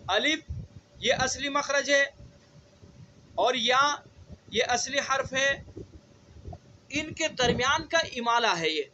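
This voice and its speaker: High, bright-voiced male tajweed teacher. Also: expressive, muffled recording, a little hiss or hum. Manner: explains step by step, repeats words slowly, asks checking questions. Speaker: Quran recitation teacher. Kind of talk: online tajweed lesson.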